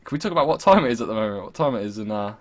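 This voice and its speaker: A man's voice: on the low side, lively intonation, rapid-fire, a crowd in the background. A young man hosting a podcast with casual, sweary, teasing banter over a voice call. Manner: sweary, mocking. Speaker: podcast host.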